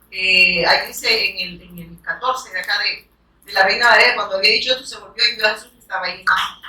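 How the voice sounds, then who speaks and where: Bright-voiced woman preaching in an echoey room. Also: mid-range voice. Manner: emphatic, keeps urging listeners to look and punctuates with amen. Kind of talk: sermon. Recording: echoey room, voice picked up from a distance.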